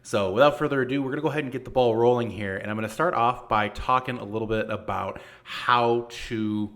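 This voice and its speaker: A man's voice: medium pitch, brisk, a bit bright. A man casually hosting a livestream in an echoey room, talking informally and hesitantly to his audience as he welcomes and guides them. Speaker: host of a gaming league livestream. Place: newly moved-into home or office room, indoors. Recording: echoey, roomy untreated office.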